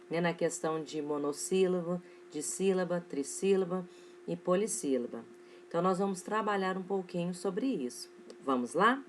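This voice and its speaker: Lively female teacher, slow word dictation. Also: mid-range voice, slight background noise. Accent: Brazilian Portuguese. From Brazil. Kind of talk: recorded online class for children.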